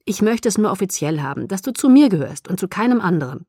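A woman reading a calm, amused young man who teases his fiancée, in a dry recording. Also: mid-range voice, quick pace, husky, no room sound. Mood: calmly teasing. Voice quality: calm, gently teasing. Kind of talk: audiobook reading.

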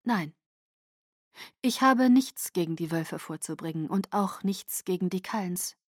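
A frightened, remorseful vampire woman speaks softly, almost in a whisper, stumbling over her words, as a woman reads her part. The sound is dry and close. This is an audiobook reading. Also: fairly low pitch, expressive, a little slow, dry recording. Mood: resolute, remorseful. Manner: hushed and stammering.

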